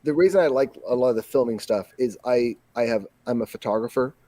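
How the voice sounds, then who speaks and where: Casting: male podcast host, mid-pitched, close dry sound, enthusiastic and detail-obsessed. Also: fast talker, dark tone, no room sound. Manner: enthusiastic, detail-focused, laughs easily. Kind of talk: casual chat.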